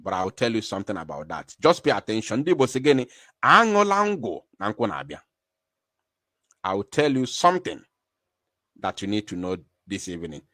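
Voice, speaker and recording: A man hosting a live-streamed news commentary, emphatic and excitable. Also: fairly quick, no room sound, studio quality. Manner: emphatic, excitable, animated swings in pitch and loudness. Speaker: online news show host.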